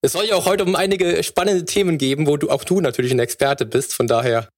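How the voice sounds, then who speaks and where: A man's voice: a little high, quick pace, dry recording, studio quality. A man hosting a fitness podcast, reading a sponsor spot and then asking long, searching questions. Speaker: podcast host.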